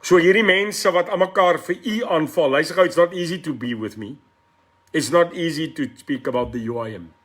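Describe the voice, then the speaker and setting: Older South African man, blunt, higher-pitched. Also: a little fast. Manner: blunt, combative, emphatic; switches between Afrikaans and English. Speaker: political party leader. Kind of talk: live video address to supporters.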